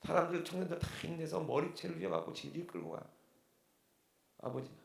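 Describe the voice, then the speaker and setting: A male pastor giving an impassioned sermon, swinging between loud cries and hushed, low passages. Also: quick pace, creaky. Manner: impassioned preaching, swinging from shouts to hushed tones. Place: church sanctuary. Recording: church hall with long reverb.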